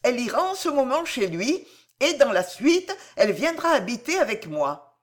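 Earnest young heroine, high anxious voice, urgent pleading tone, woman narrator putting her on, storybook. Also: very animated, moderate pace. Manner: raised pitch, urgent and pleading. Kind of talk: audiobook character reading.

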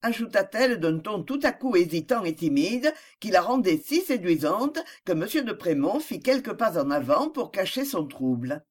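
An audiobook narrator reading a novel with scripted, expressive narration. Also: mid-range voice, normal speed, few pauses.

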